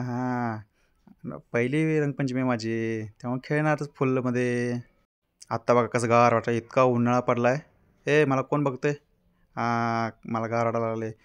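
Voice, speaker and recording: A man's voice: medium pitch, clear, resonant tone, natural voice. A man voicing a chatty baby boy in a playful, grumbling first-person comic voice-over. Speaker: vlogger.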